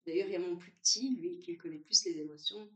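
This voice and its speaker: A woman chatting at a brunch, lively, often acting out what others say. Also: lowish voice, fast talker, distant mic, muffled recording. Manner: animated, acts out what others say. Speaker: guest sharing her story. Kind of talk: casual chat. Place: room at a brunch. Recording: roomy sound, away from the mic.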